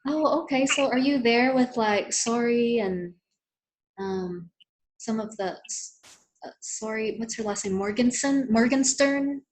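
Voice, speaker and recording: A woman who grew up speaking Vietnamese hosts a therapy training webinar over a video call, wrapping up in a friendly, encouraging manner. Her voice is fairly high and a little slow. A slight hiss or hum can be heard.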